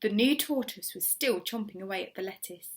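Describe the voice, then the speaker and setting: A woman teacher reads a children's story aloud with expressive, measured and emphatic dramatic phrasing. Her voice is mid-range and expressive.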